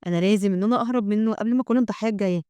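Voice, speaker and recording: A woman's voice: medium pitch, very fast, dark tone, clean tone, no room sound, lightly acted. A woman with an Egyptian accent voicing a stubborn, wary half-dragon girl thinking wryly to herself. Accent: Egyptian Arabic. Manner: inner thoughts, wry.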